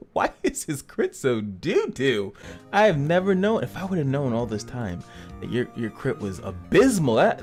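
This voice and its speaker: A man hosting a casual gaming commentary channel, joking and chatty as he reviews a character. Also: mid-range voice. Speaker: game reviewer and channel host.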